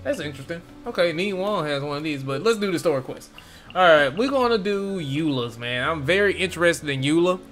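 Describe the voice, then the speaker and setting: A gaming streamer with a fairly high, fairly bright voice and lively intonation talks fairly quickly over soft game music. He chats informally and thinks aloud as he plays, giving casual gameplay commentary.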